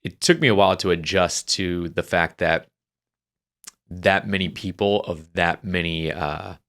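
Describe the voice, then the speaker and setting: A young Navy veteran from New Hampshire tells his life story as a podcast guest, rambling with many restarts and fillers in a casual interview. His voice is low-pitched, unhurried, and a bit bright.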